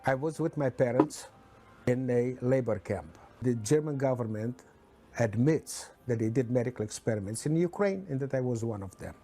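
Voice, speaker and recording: A man in his seventies from the Chernivtsi area gives a measured, matter-of-fact interview. His voice is warm and mellow at a middle pitch. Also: expressive, faint music behind. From Chernivtsi area, then Romania. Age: 70s. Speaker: Holocaust survivor interviewee. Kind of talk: documentary interview.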